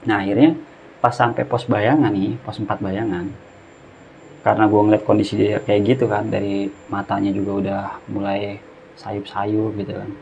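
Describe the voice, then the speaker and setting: A guest storyteller tells a tale in slangy, Jakarta-style casual speech, acting out the dialogue. His voice is lowish, flat and creaky, a little mellow, at a moderate pace, and the recording is muffled lo-fi with faint hiss.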